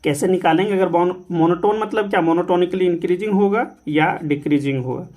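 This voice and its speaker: Higher-pitched man teaching maths. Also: normal speed, a little mellow. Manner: mixes Hindi and English, repeats key rules, asks and answers own questions. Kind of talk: exam-prep lecture.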